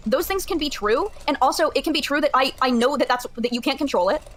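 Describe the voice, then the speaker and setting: A woman's voice: high voice, expressive, fast, a bit bright. A woman defending herself in a heated argument on a stream, exasperated and swearing. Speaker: streamer in a debate.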